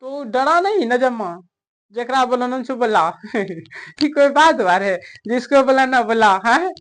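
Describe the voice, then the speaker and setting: A male teacher walks through a story lesson. He talks casually and warmly to the camera, stopping again and again to ask his listeners questions and answer them himself. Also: extremely high pitch, animated, measured pace. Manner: keeps quizzing the listener, chatty and coaxing. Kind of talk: explaining a story in a recorded lesson.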